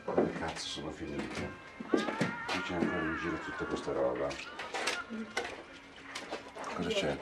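An actor playing a grumpy, swearing photography studio boss. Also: male voice, a bass voice, wildly swooping pitch, unhurried, long pauses, exaggerated voice. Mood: exasperated. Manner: swears, gruff and exasperated. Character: grumpy foul-mouthed male studio boss. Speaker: film character, studio owner and Alice's business partner. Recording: roomy film audio with loud music.

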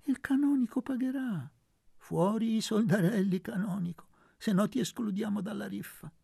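A woman's voice: medium pitch, normal speed, gravelly, breathy edge, dry recording, studio quality, voice pushed up. A man voicing a coarse older woman who runs a brothel, brusque and scolding in an audiobook reading. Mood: mocking. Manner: brusque, scolding, sharp-tongued.

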